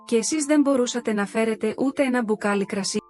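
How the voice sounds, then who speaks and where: A woman voicing an exhausted young wife and hostess who has had enough of her ungrateful in-laws, read in a calm, even way. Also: a little high, faint music behind, natural voice. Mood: indignant.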